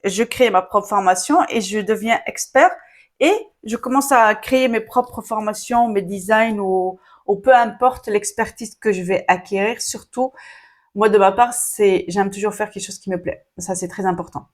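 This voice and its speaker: A woman whose first language is Arabic speaks at medium pitch and moderate pace as an online business coach giving casual advice to the camera. She's chatty, uses lots of fillers and asides, and addresses viewers directly.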